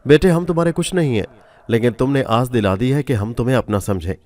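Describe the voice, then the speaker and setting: A man voicing a kindly middle-aged lady of the house who speaks in a gentle, worried way. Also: mid-range voice, fast talker, natural voice. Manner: gentle, worried, soft-spoken.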